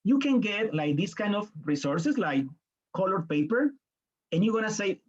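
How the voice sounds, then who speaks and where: A Colombian man with a high, sing-song voice leads an online teaching workshop as a teacher trainer, speaking at a normal speed in Colombian Spanish. He explains things step by step and briefly voices students and parents. The recording sounds muffled.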